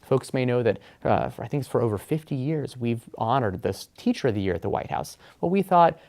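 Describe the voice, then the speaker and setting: A man's voice: medium pitch, animated, a little fast, gravelly, a little mellow. A man answering interview questions in a webinar, explaining education policy in an earnest way with frequent fillers.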